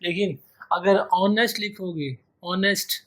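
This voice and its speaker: A man's voice: high-pitched, steady tone, unhurried, fairly bright tone. A man giving an exam-prep grammar lecture, repeating key phrases and stretching out his example words. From Pakistan. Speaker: English teacher.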